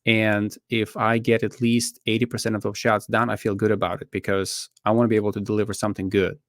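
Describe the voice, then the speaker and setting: A man in his thirties from Latvia, a wedding photographer and guest. He speaks a bit low, earnest and measured, with plenty of um and uh. The sound is dry and close, from a desk setup in an indoor studio. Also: little pitch movement, dry recording. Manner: earnest, measured, explaining with fillers. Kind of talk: casual interview answers. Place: indoor studio room, on a video call.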